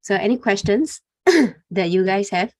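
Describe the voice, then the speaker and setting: A young adult woman teaches trading in a live webinar, her medium-pitched, slightly mellow voice expressive and unhurried. She speaks informally with fillers, regularly adding "okay" and "right?" to her lines. No echo is heard.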